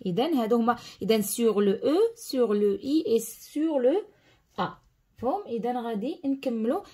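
Moroccan woman teaching, mellow tone. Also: fairly high pitch, animated, moderate pace, husky. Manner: mixes French terms into Arabic, asks "understood?" often. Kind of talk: explaining a school lesson.

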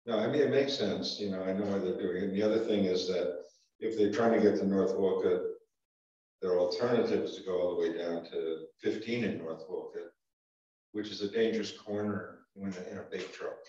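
An older man with a Vermont accent chairs a small-town board meeting in a town office meeting room, his low voice brisk and mellow but hesitant, full of ums and restarts. A far-off room camera picks him up, so the sound is echoey and dull.

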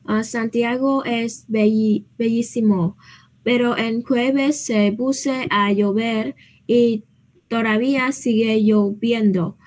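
A woman student reading aloud slowly and carefully, her voice set a little high. Her delivery stays measured throughout. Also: fairly even intonation, a little mellow. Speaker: language student. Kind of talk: reading a text aloud in class.

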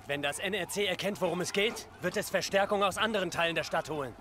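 An actor playing a fierce, commanding rebel leader with solemn, rousing oratory in a video game. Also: male voice, sits high, quick pace, lightly acted. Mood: grave, commanding. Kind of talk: dramatic video game voice acting. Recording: loud battle noise and crowd behind.

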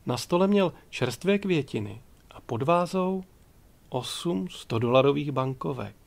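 A man reading an audiobook in a steady, measured way. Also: a little high, creaky. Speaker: audiobook narrator. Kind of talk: audiobook narration.

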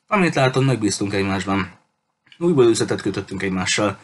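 A man's voice: lowish voice, expressive, slight background noise, natural voice. Captain Spencer, a man voicing a menacing pirate captain. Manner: threatening, mocking, coldly polite. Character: cruel menacing male pirate captain, adult. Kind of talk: audiobook character reading.

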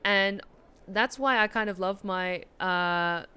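A young Australian woman, a streamer and voice actor, chats casually while playing a game in a small indoor room. Her mid-range voice is slow, smooth, and sharp-toned, and she rambles chattily with lots of fillers.

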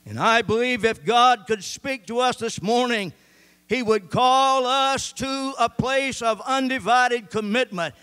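Preaching from a church stage set up with band equipment, this older man reads scripture and gestures with a handheld mic in hand. His very high voice is pushed, bright, clear and resonant, and he keeps a measured pace.

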